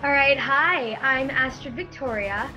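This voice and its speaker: Bright high-voiced woman contestant. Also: unhurried, highs cut off, faint music behind. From Florida.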